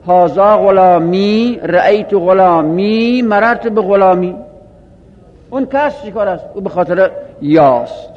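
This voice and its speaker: A man teaches a grammar lesson with a high voice, working through each point step by step and answering his own questions. He recites short example phrases as he goes. The sound is dull and rings with a long reverb. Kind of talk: explanatory grammar lesson in Persian.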